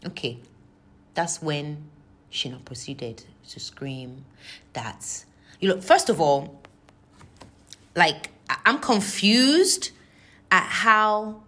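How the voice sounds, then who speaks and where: A Nigerian woman with a fairly low voice retells a heated run-in. She is emphatic and animated, acting out each quoted line and slipping into Yoruba phrases. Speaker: interviewee. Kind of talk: recounting a personal confrontation.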